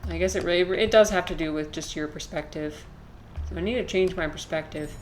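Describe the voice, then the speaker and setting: A woman's voice: on the low side, fairly quick, slight background noise. A woman in her twenties chatting casually with her viewers while she plays a game, rambling, swearing freely and answering chat comments. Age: 20s. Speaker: live streamer playing a video game.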